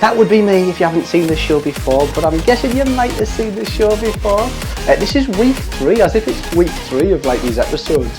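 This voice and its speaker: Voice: medium pitch, big pitch swings, fairly quick, over music. A vlog host chatting to the viewers in a gushing, affectionate, cheeky and teasing way. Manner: cheeky, playful. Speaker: show host. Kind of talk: chatty fashion vlog to camera.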